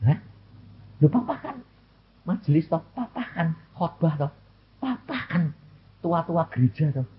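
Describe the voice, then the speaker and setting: A man's voice: a little high, unhurried, pauses often, a little hiss or hum. A man preaching a testimony, telling his story and often asking the audience questions. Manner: animated, rhetorical questions to the audience. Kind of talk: storytelling sermon. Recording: lo-fi recording.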